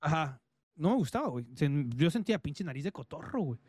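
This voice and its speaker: A man's voice: on the high side, sing-song, fairly quick, a little mellow, no echo, clean studio sound. A man with a Mexican accent and a nasal voice, co-hosting a casual podcast, joking and laughing often. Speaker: podcast co-host.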